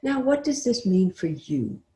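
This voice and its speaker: An older woman giving a webinar talk, telling stories expressively and often trailing off into a soft, quiet voice. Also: medium pitch, big pitch swings, a little slow. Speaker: webinar speaker. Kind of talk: storytelling talk. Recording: roomy echo.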